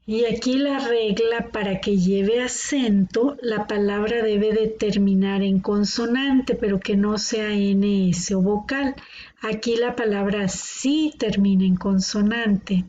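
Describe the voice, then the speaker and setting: Slow, patient woman teacher. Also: mid-range voice, warm tone. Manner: patient, stretches words out syllable by syllable. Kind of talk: classroom grammar explanation. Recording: dull lo-fi recording with faint noise.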